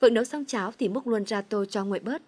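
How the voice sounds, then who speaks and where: A woman narrates a story aloud, reading at an even, unhurried pace. Her voice sits at an ordinary middle pitch for a woman.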